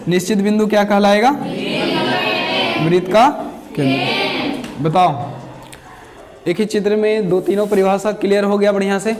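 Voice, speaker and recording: A man's voice: high voice, level tone, brisk, noisy background. A man teaching a math lesson, who asks his students questions, answers them himself, and repeats each key term. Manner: everyday village examples, dictates notes. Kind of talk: classroom lecture, explaining with questions.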